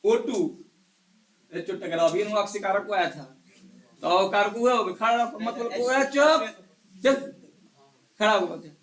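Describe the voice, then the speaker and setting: A male chemistry teacher in a live class, quizzing students one by one and hushing the noisy ones. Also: high voice, normal speed, long pauses. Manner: quizzes students one by one, scolds and hushes them. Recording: echoey classroom.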